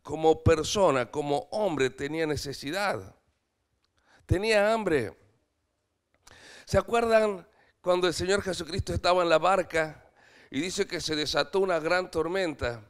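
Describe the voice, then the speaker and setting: A man preaching a church sermon, asking the congregation questions and swinging from loud to hushed. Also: on the high side, unhurried, long pauses, clear, resonant tone. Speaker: missionary preacher.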